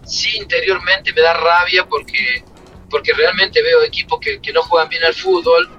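Argentine man, middle-aged, bright voice, a bit higher pitch, reflective, muffled sound. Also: wildly swooping pitch, normal speed, soft background music. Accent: Argentine Spanish. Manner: emotional, reflective storytelling. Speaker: former footballer, coach. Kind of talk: interview answers.

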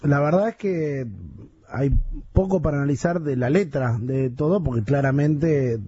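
A man's voice: fairly high pitch, moderate pace, dark tone, husky, no room sound, lo-fi sound. A man hosting a radio interview, commenting briefly before bringing in a phone guest. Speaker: radio host.

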